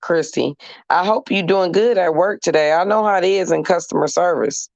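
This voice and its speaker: A woman in casual live-stream storytelling, talking to her chat in a profane, animated, mocking way. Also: fairly low pitch, moderate pace, vocal fry, no echo.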